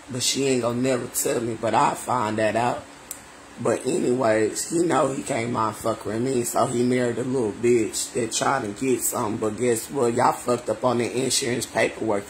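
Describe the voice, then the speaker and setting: A man's voice: mid-range voice, a little hiss or hum, low-quality recording. A man in bed at home, giving a profane, accusatory and repetitive monologue rant. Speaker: vlogger.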